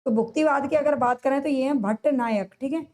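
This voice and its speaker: High-voiced woman teaching exam answers. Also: a little mellow. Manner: asks questions then answers them herself, repeats key answers; drawn-out, stressed delivery on answers. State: sore throat. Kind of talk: exam-prep lesson, solving multiple-choice questions.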